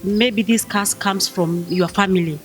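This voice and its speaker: A woman's voice: medium pitch, unhurried, soft background music. A woman, sharing her life story in a hesitant, plain way. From Tanzania. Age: 50s. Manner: hesitant, plain, with Swahili words mixed in. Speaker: guest sharing testimony. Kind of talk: personal testimony interview.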